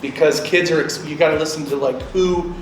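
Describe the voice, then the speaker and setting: With a fairly high, steady voice and a fairly quick pace, a man in his late thirties gives a group an informal lesson, explaining conversationally and checking in with short questions. He is a guest speaker who works as a radio programmer. The recording is echoey and distant-miked, with loud background noise.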